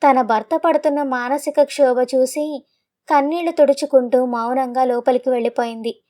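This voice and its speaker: Woman narrator, high voice, dramatic scripted storytelling. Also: fairly even intonation, normal speed, mellow.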